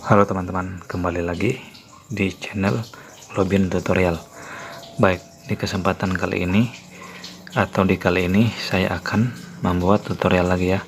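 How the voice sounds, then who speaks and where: A man's voice: deep voice, flat delivery, moderate pace, long pauses, soft background music. A man hosting a tutorial channel, walking viewers through a phone app in a plain explanatory way. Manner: plain explanatory, repeats "ya, teman-teman" fillers.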